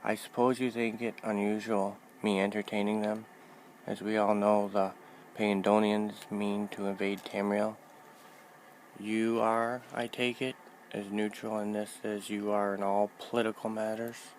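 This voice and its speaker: A man's voice: lowish voice, level tone, a little slow, lightly acted, rough recording. A man voicing a scheming, imperious queen, speaking haughtily with a raised voice. Faint background noise. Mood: haughty.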